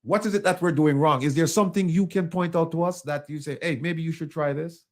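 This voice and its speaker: A Jamaican man hosts an interview in a slightly raised pitch. He asks his questions earnestly, piling up "you know" and restarting his sentences. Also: steady tone, fairly quick. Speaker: talk show host.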